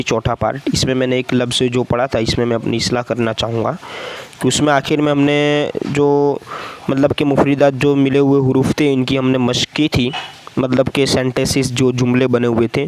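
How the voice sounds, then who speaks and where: A man's voice: mid-range voice, flat delivery, slight background noise. A man teaching a script lesson, talking to viewers directly and reading practice words syllable by syllable. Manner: reads practice words very slowly and loudly, syllable by syllable. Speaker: Urdu teacher.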